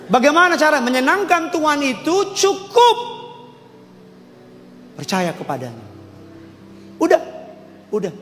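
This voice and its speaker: A man preaching a lively sermon in church, joking and calling on the congregation to answer back. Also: extremely high pitch, moderate pace. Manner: animated, joking storytelling preacher. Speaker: pastor. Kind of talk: lively sermon with call and response. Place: church service. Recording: long hall reverb, faint music behind.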